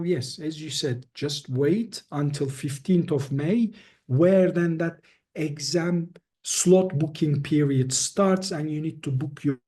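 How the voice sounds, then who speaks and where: A man whose voice sits on the high side with a dark tone takes questions as a webinar's expert guest over a video call. His explanations are careful and hesitant, and he often starts phrases over.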